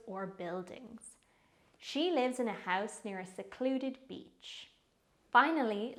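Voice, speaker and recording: A young woman teaching English vocabulary, saying each new word slowly several times in a scripted lesson. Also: a little high. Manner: slow, careful pronunciation drills with repeated words.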